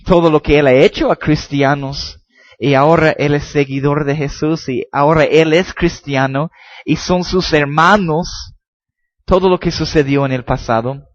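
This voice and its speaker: A man delivers a Bible study sermon in a fairly high voice, stressing scripture readings and dropping in little tag questions. The recording is dry a slightly dull, muffled tone. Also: fairly even intonation, moderate pace, no echo. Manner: reads scripture aloud with rising emphasis, many repeated words and tag questions. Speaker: Bible teacher.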